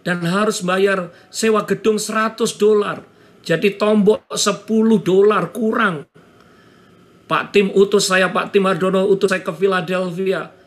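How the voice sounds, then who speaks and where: A man's voice: sits high, steady tone, measured pace. A middle-aged man from Indonesia preaching a sermon as pastor, telling a personal testimony with emotion and addressing the congregation often. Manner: addresses congregation repeatedly, emotional storytelling, acts out dialogue.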